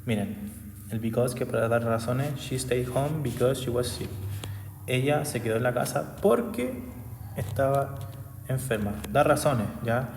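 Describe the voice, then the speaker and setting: Teacher in an echoey room. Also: male voice, medium pitch, expressive, unhurried, vocal fry, a little mellow, a little hiss or hum. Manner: constant tag questions, patient explaining. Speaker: English teacher. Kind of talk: explanatory class recap video.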